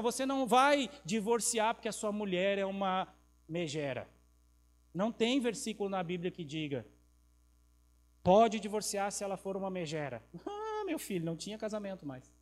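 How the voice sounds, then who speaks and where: A middle-aged man with a Southern Brazilian accent, preaching a sermon as pastor, telling stories and swinging from loud emphasis to quiet, intimate remarks. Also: a little high. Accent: Southern Brazilian Portuguese. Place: church. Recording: mains hum in background.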